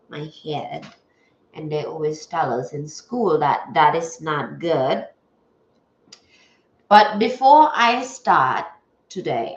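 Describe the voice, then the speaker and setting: This woman's voice is low, with a little hiss or hum in the background. She's hosting a casual livestream at a table at home, chatty and stuffy-nosed, greeting viewers, in an echoey room with dull, lo-fi sound.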